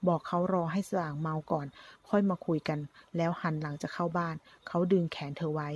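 A woman narrating a retelling of a drama in a steady, brisk storytelling manner. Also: sits low. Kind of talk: scripted narration of a drama recap.

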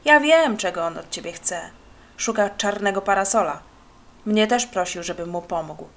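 A woman's voice: mid-range voice, moderate pace, lightly acted. A woman voicing a sly young male hustler in a children's storybook, talking in a mocking, scheming way.

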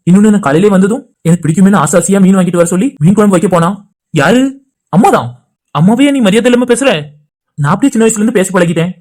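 A man voices a cast of village friends for a cartoon, trading rapid, chatty everyday banter. His voice is high for a man, and the lines come quickly, one after another. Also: a little mellow. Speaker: cartoon channel creator voicing all characters. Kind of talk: cartoon dialogue voice acting.

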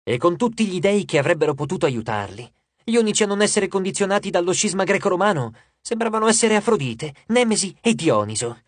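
An audiobook narrator reading a novel in an expressive, measured storytelling manner on a close studio microphone. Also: mid-range voice, no room sound.

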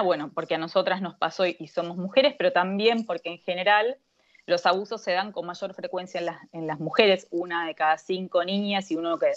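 A middle-aged woman with an Argentine accent, speaking as an author in a remote interview, earnest and measured with frequent pauses. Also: on the low side. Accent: Argentine Spanish. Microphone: earphone headset on a video call. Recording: dull lo-fi video call audio.

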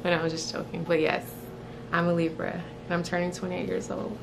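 Sitting in a small room before a woven screen, a twenty-something licensed esthetician and beauty vlogger from South Florida talks casually to camera about herself. She's chatty and playful and admits she rambles, speaking briskly in a lowish, gravelly voice with little pitch movement. Background noise is noticeable.

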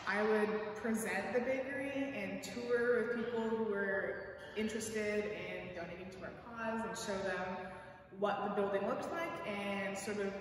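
A woman's voice: medium pitch, noisy background. Young woman, echoey distant room tour. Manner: chatty, with frequent likes and sort ofs. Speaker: youth advisory board member. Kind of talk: casual guided tour. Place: large empty indoor room with hard walls. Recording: roomy echo, from far off.

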